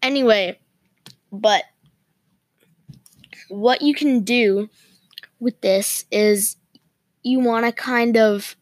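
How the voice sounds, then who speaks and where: A woman hosting her podcast, talking casually with the hiccups, pausing often and halting between phrases. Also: fairly high pitch, fairly even intonation, no echo. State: has the hiccups. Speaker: podcast host. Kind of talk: casual solo podcast talk.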